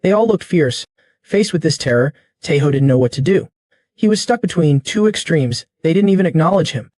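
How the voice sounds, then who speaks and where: Male narrator, slightly high voice, dry close sound, steady scripted recap reading. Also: brisk, no room sound.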